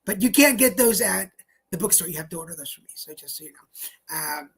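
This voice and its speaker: A man's voice: high-pitched, expressive, fairly quick, gravelly, fairly bright tone. A man co-hosting a live online show, chatting casually and rambling with fillers while wrapping up announcements. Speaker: co-host. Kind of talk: casual live-stream chat.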